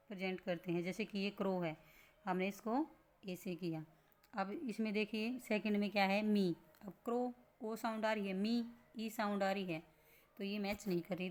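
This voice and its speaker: A woman with a mid-range voice teaches a lesson, explaining slowly and patiently, going over points again and posing rhetorical questions.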